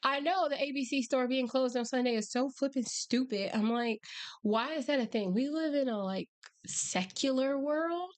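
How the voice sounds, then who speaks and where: A woman livestream host chatting casually and rambling wryly, her voice hoarse, strained and breaking from being sick. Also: high voice, normal speed. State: hoarse, voice nearly lost from illness. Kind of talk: casual livestream chat with viewers.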